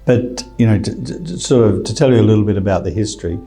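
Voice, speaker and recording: A man's voice: on the low side, animated, fast, creaky, warm tone, soft background music. A man in his sixties with a South Australian accent, answering interview questions in a rambling way with many restarts. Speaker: guest.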